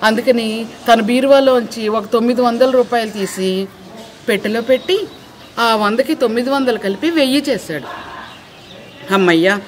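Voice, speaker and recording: A woman narrating a children's moral story in a lively, expressive way. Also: on the high side, normal speed, slight background noise.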